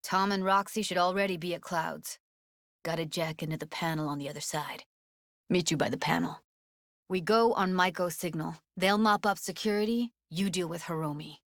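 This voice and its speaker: Here the same kind of cyberpunk game role, a tough, guarded young techie, is voiced by a woman with a lowish, somewhat bright voice at normal speed. Clean studio audio, no room sound. She talks in wry, clipped, casual slang, matter-of-fact in mood, across isolated lines of naturalistic game dialogue.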